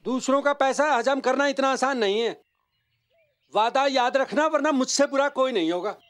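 A man's voice: very high voice, moderate pace, dry recording. A man with a Haryanvi accent playing an impatient creditor demanding his money in a rustic comedy sketch.

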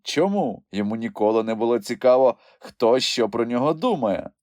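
A man narrating a children's audiobook in an expressive storytelling manner. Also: medium pitch, normal speed, no echo, clean studio sound. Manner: expressive storytelling with lively swings. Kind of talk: scripted narration.

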